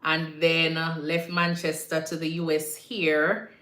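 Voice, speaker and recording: A Jamaican woman chats casually on a live stream, answering viewer comments as a nurse. Her voice sits on the low side yet comes across bright and forceful, and it often repeats itself and drifts into patois turns of phrase. The sound carries a roomy echo. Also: completely flat delivery, measured pace. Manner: chatty, repeats herself, slips into patois phrasing. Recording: echoey room.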